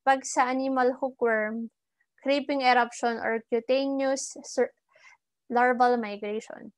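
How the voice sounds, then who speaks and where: A woman's voice: fairly high pitch, fairly even intonation, measured pace, dry recording. A woman with a Filipino accent lecturing online as a teacher, switching between English and Tagalog midsentence. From Philippines. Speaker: parasitology teacher. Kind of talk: online lecture reviewing slides. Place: indoor room, recorded screen-share lecture.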